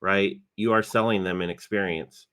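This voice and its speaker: A man co-hosting a podcast, speaking in a measured way with lots of fillers. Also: low-pitched, fairly even intonation, bright, forceful tone, clear, resonant tone. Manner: measured, uses many fillers. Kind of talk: casual podcast chat.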